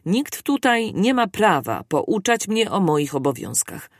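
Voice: mid-range voice, very animated, a little slow, dry recording, studio quality. A reader voicing a dutiful army commander of a fort who speaks formally. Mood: formal firm.

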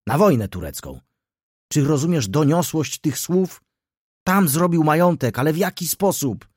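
A man's voice: mid-range voice, a little mellow, breathy edge, no echo, clean studio sound. A man voicing an indignant older male councillor who fires off heated rhetorical questions, in an audiobook reading.

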